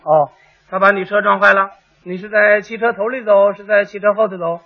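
A man playing a stern traffic policeman who keeps his questions low and probing. His voice is husky and high, and the old lo-fi recording sounds dull. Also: steady tone, a little fast.

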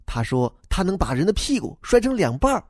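A man's voice: sits high, very animated, fairly quick, darkish tone, no room sound, studio quality, voice pushed up. A man voicing a talkative young schoolboy in a storybook reading, eager and rambling.

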